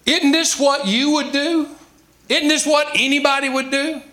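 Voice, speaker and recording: A Southern American pastor in his sixties preaches with a very high, bright, forceful voice, keeping his intonation fairly even at a moderate pace. His sermon is emphatic, full of rhetorical questions and folksy asides.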